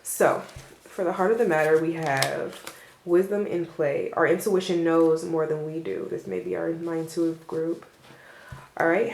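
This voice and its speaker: A woman's voice: lowish voice, vocal fry, darkish tone, a little hiss or hum. A woman doing a casual tarot reading for her viewers, rambling and reassuring, with frequent fillers and small laughs. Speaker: tarot reader. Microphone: camera mic. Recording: roomy echo.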